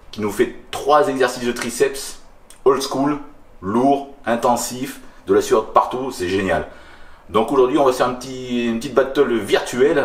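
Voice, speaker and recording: A man in his forties, a fitness vlogger talking in a casual, hyped-up way in his home kitchen. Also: mid-range voice. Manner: enthusiastic, hyped-up. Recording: echoey room, voice from far off.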